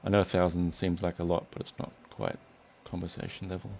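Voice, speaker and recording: A young man hosting a casual chat, relaxed and rambling with restarts. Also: low-pitched, fairly quick, gravelly, faint music behind. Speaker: host.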